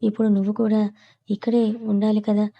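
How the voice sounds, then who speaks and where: A woman's voice: medium pitch, level tone, brisk, gravelly, highs cut off. A woman doing a whiny pampered young bride. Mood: pleading. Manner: whiny, complaining.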